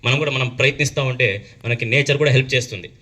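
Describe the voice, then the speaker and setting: A man teacher telling a moral story to students at a school assembly, in an animated storytelling manner. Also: mid-range voice, racing.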